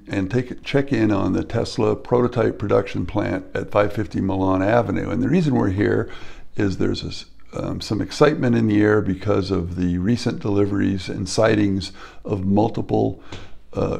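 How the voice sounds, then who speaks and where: Gravelly-voiced man narrating a casual vlog. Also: lowish voice, a little mellow. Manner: halting, with many fillers and restarts. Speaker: channel host.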